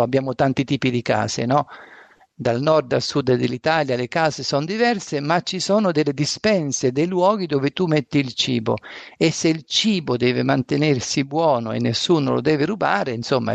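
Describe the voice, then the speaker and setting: A man preaching a sermon and reading scripture aloud, reflective and asking rhetorical questions, with a gravelly voice. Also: a little high, no room sound.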